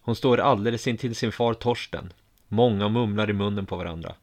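A man narrating a first-person audiobook story in a calm, measured way. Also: fairly low pitch.

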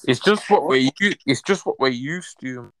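A man's voice: medium pitch, lively intonation, normal speed, a bit bright, no room sound. A young man with a London roadman accent and slang, chatting casually in a group. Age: young adult.

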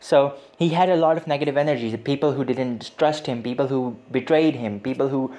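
A man's voice: mid-range voice, brisk, dark tone. A young man from Pakistan hosting a casual motivational podcast, chatting in a rambling way with many fillers and restarts. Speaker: podcast host.

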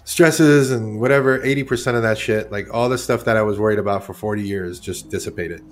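A man's voice: fairly low pitch, a little fast. A man in his forties, originally from Iran, talking as a guest artist in a casual interview, rambling and correcting himself as he goes. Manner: rambling, candid, self-correcting.

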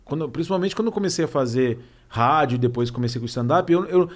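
A man's voice: animated, fast. A man, a comedian and impressionist chatting casually on a podcast, self-deprecating, with frequent restarts. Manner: self-deprecating, restarts often, shifts pitch to imitate.

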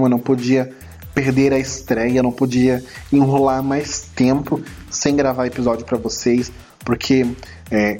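A Brazilian man speaks as a podcast host over background music. His voice is hoarse and strained by throat trouble, sitting at a medium pitch. He talks casually and a bit haltingly, addressing his audience directly. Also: darkish tone. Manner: informal, hesitant, addressing listeners directly. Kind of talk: casual solo film review podcast talk.

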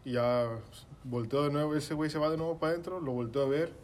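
A man's voice: fairly high pitch, fast. A young man with a Mexican accent telling a story to friends in casual, slangy chat full of swearing. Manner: slangy, swearing, acts out his own shouting in quotes.

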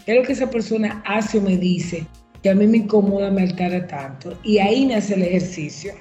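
A woman counselor with a warm, mellow voice speaks in a measured, explanatory way and poses reflective questions. Her voice sounds roomy and a little dull, as if recorded in an echoing space. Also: medium pitch, faint music behind. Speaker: guest counselor on relationships. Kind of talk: advice talk on a show.

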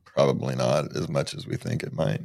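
A man's voice: very deep voice, normal speed, gravelly. An older man co-hosting a podcast, chatting casually and laughing often. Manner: relaxed, joking, laughs often. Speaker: podcast co-host. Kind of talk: casual chat.

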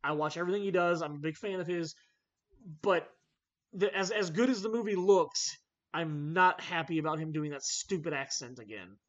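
A man's voice: on the high side, moderate pace. A man hosting a casual movie podcast, ranting animatedly about films he loves and hates. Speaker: podcast host. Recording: slightly dull lo-fi audio.

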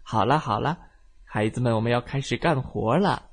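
A man's voice: mid-range voice, moderate pace, natural voice. A man voicing a kind, hardworking small forklift who looks after the young vehicles like a patient father, in a bedtime storybook. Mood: soothing. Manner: gentle and patient.

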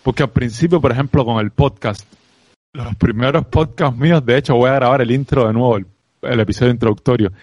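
A man with a Cuban accent, a guest on a podcast, talks about sales in an animated, reflective way, often asking "¿sabes?". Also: medium pitch, a little fast, dry recording. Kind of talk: casual interview conversation.

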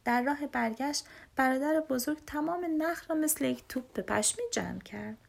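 A woman reading a children's storybook aloud in a soft, often whispered voice. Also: high-pitched, vocal fry.

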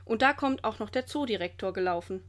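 A woman's voice: mid-range voice, animated, a little fast. Woman reading a children's book aloud. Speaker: storybook reader.

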